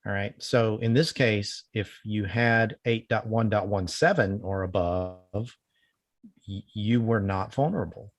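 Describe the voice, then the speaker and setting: A man with a low voice explains a point on a casual security podcast, correcting how a term gets misused. His voice is recorded dry and close, with no room sound. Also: unhurried, no room sound. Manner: explanatory, sets terms straight. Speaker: podcast co-host.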